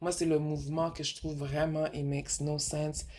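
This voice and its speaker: A woman from Quebec with a Québécois French accent hosts a casual radio monologue, rambling and frank, switching into English mid-sentence and posing rhetorical questions. Her voice is low-pitched and a little mellow, with little pitch movement and a normal speed. There's a faint hiss or hum in the background.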